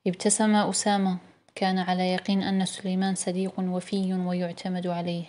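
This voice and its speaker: Calm woman narrator with level delivery. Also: on the low side. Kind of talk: audiobook narration.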